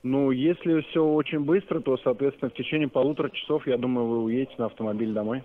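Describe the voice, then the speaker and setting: Over a narrow telephone line, a car salesman talks fast in a medium-pitched voice, politely explaining things to a customer in a businesslike manner. Slight background noise can be heard.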